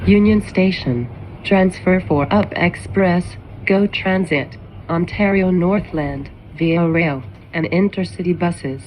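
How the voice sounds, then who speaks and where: A low, unhurried woman's voice reads out stops in spliced-together recorded words, each station name dropped in with an even, clipped fall. Her voice is heard inside a subway car with clear train rumble underneath. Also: poor audio. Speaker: transit announcer. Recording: onboard train with vehicle noise.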